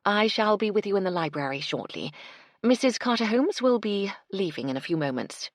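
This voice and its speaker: A woman's voice: mid-range voice, normal speed, dry recording, clean studio sound, voice pushed up, close to an everyday voice. A woman narrator voicing a composed, polite woman who runs a hotel. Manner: calm, polite and reassuring.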